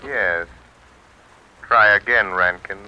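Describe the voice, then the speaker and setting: An actor playing an unseen, mocking avenger in an old-time radio drama, speaking deliberately and theatrically. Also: male voice, fairly low pitch, smooth, muffled recording. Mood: menacing, taunting. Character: the Shadow, unseen avenging man, commanding, mocking, menacing.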